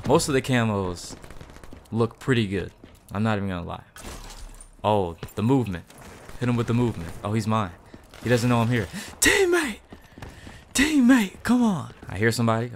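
A young man casually commentating his own gameplay, excitable and given to sudden yelling at teammates. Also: on the low side, a little fast, gravelly, slight background noise. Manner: excitable, yells at teammates and shouts in bursts. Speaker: gaming YouTuber.

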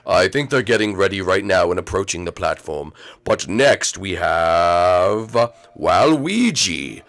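A man's voice: sits low, animated, a little slow, fairly bright tone, exaggerated voice. A man voicing a vain, bossy giant plant monster who gives orders lazily. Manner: lazy, vain and commanding.

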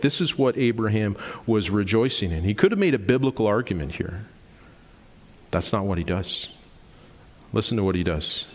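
A Canadian pastor in his 40s delivers an emphatic sermon in a church sanctuary. His pitch climbs to stress key points, and the recording carries the long hall reverb of the church.

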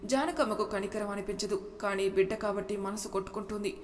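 A woman narrating a serialized audiobook story in a steady, even reading. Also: mid-range voice, quick pace. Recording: reverberant room with faint noise.

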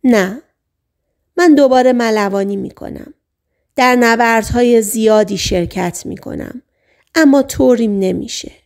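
A woman narrator reads a hypnotized patient reliving a sailor's life, speaking in short, halting, trance-like phrases. The voice sits fairly high with a gravelly fry in it. Audiobook reading. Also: darkish tone. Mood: plain.

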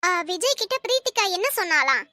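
A woman voicing an older neighbor woman in an animated cartoon, brisk and matter-of-fact. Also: extremely high pitch, dry recording, clean studio sound, exaggerated voice. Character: older village woman, busy gossiping neighbor.

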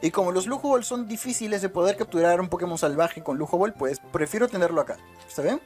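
Young man, peruvian accent, high-pitched, casual game tutorial chatter, faint music behind. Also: fast, a little mellow. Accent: Peruvian Spanish. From Peru. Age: 20s. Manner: chatty, keeps asking "¿está bien?" and "¿no?". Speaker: gaming YouTuber. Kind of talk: casual gameplay tutorial commentary.

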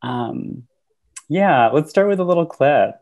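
A woman from upstate New York giving a relaxed keynote talk over a video call from home, speaking dreamily with frequent ums and soft laughs. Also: deep voice, slow, muffled recording. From Syracuse, New York. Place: home room with bookshelves. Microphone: earbud headset on a video call.

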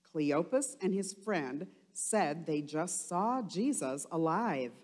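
A woman's voice: on the low side, expressive, slow pace. A woman telling children a Bible story at church, talking to them in an encouraging way. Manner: warm, encouraging talk to young children. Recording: long hall reverb.

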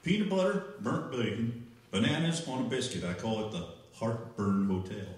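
A man's voice: mid-range voice, lively intonation, moderate pace, close to an everyday voice. A young man playing [name] as a polite, bumbling army recruit who stammers, in a live radio-style comedy skit. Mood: sheepish, earnest. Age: young adult. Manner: stammering, drawling Elvis impression. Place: library room, live performance, indoors. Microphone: stand microphone, distant camera. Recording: echoey room from far off, music.

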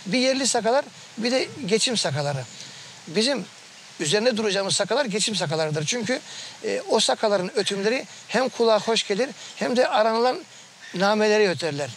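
A man with a notably high speaking voice talks through the calls of songbirds, now and then imitating them. A faint hiss sits under the recording. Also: expressive, a little fast, a bit bright. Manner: explanatory, imitates birdsong calls. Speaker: goldfinch keeper. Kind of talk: documentary interview.

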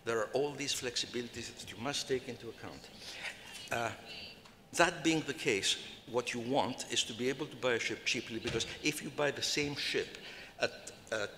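Older man, bright, in a large hall. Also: mid-range voice, moderate pace. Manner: rambling, many fillers and restarts. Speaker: panelist. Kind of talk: conference panel talk. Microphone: table microphone. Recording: reverberant hall, faint noise.

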